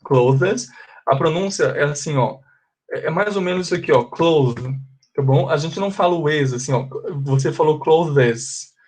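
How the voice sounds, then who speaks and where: A man's voice: a little high, fast talker. A Brazilian-Portuguese-speaking man teaching English in an online class, patiently explaining pronunciation step by step. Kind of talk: online class, correcting students. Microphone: video call.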